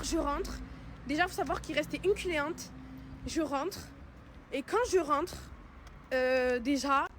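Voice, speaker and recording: A woman's voice: sits high, slight background noise. A young woman telling her followers a personal story in a casual, indignant, slangy way, with emphatic retelling.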